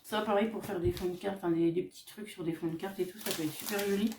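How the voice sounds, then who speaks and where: A woman vlogger casually showing off her craft shopping haul, chatty and hesitant, often pausing on fillers as she describes each item. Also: lowish voice, fairly even intonation, recorded from a distance, background noise. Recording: echoey room, voice off-mic.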